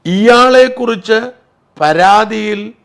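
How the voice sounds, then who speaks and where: Gravelly man debating politics. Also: sits high, takes it slowly, fairly bright tone. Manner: argumentative, explains legal sections point by point. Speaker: co-host of political talk show. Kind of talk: casual political discussion.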